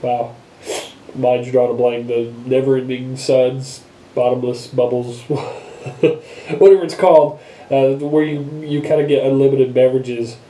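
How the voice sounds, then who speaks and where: Stuffed-nose man, very dark muffled tone. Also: medium pitch, level tone, measured pace, reverberant. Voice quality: stuffy, nasal, broken-nose sound. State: congested blocked nose from being sick. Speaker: vlogger. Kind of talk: casual unscripted vlog talk. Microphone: action camera microphone.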